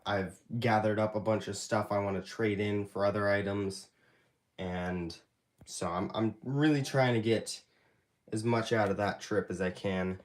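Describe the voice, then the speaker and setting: A man's voice: fairly low pitch, fairly even intonation, unhurried. A young man hosting a casual live stream Q&A, sounding stuffy from allergies and talking in a rambling, hesitant way with many fillers. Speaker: YouTube creator hosting a live Q&A. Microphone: handheld phone camera.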